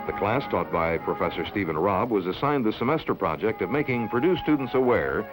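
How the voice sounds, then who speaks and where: A man narrating an old newsreel in a measured, formal announcing manner. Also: lowish voice, animated, over music, rough recording.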